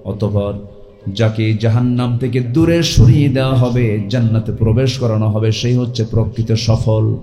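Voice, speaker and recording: A man with a Bangladeshi Bengali accent preaching a waz sermon. He calls on the crowd to answer loudly, rises to sudden high shouted climaxes and chants Quran verses in a sung style. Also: steady tone, moderate pace, roomy sound.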